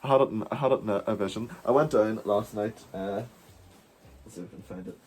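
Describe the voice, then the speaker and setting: A man's voice: fairly low pitch, fast talker, darkish tone. A man in drag doing a casual, rambling vlog review at home, swearing freely and often saying "wee". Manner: uses the word wee. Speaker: drag performer reviewing a TV show.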